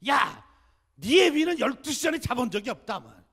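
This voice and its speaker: Fussing old mother, put on by a male preacher, scolding, shrill raised voice, sermon retelling. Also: animated, quick pace, slightly rough, long reverb tail, heavily acted. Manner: scolding, loud and high. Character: nagging caring old mother, uneducated.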